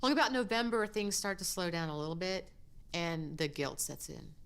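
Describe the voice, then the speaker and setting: A woman counterterrorism analyst recalls events in a documentary interview. She speaks candidly and emotionally, with halting pauses. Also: on the low side, fairly bright tone, clean tone.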